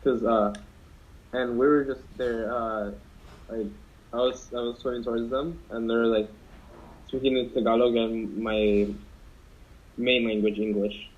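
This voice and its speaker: A young man, a podcast co-host, rambles through a casual story among friends, full of fillers and restarts. His medium-pitched voice stays level, his pace is measured, and he leaves long pauses. The podcast audio is dull and lo-fi.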